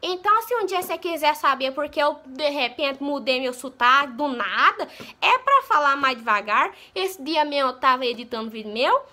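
A Brazilian woman vlogging in her bedroom, chatting to her viewers quickly and excitedly. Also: high voice. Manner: fast-talking, chatty and excitable. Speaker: YouTuber. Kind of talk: casual chat to camera.

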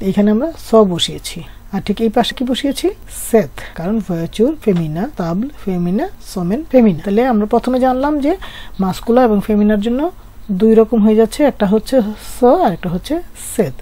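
A woman's voice: medium pitch, dark tone. A woman from Bangladesh teaching a French grammar lesson, patiently explaining step by step and asking rhetorical questions.

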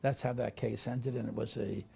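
Gravelly older man recounting a trial. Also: medium pitch, steady tone, mellow. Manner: measured, reflective, acts out quoted voices. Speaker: interviewee, lawyer recalling cases. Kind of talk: documentary interview storytelling.

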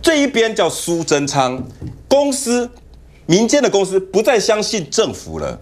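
Animated man with Taiwanese Mandarin accent. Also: sits high, measured pace. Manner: animated, storytelling, mimics others. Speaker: political talk show guest. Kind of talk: heated political commentary. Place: TV studio.

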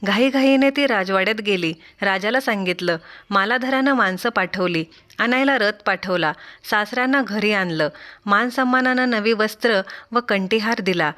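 A woman reading aloud a devotional folk tale in a measured, rhythmic storytelling style. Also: fairly high pitch, a bit bright. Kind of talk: scripted folk tale narration.

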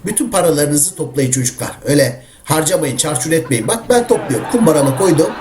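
A man's voice: fairly high pitch, animated, a little fast, slight background noise, natural voice. A man voicing cheeky, slangy talking dogs in a comedy voice-over of pet videos. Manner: streetwise, joking, exasperated. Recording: voice-over with loud background music.

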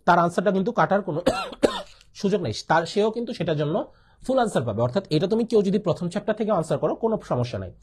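A man's voice: sits high, lively intonation, fast talker, husky. A young man with a Bangladeshi accent giving an exam-prep biology lesson, asking questions and answering them himself, repeating key points and coughing often. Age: young adult. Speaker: biology tutor. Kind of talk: online exam-prep lecture.

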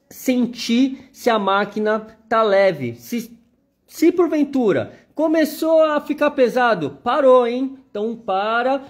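With a very high voice and a Brazilian Portuguese accent, a man runs a chatty live sewing machine demonstration, constantly pointing things out to viewers.

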